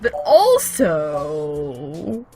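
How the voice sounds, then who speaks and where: A woman's voice: low-pitched, huge pitch swings, extremely slow, mellow, husky. A woman streamer reading game text aloud and breaking in with teasing, jokey asides. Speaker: let's play streamer.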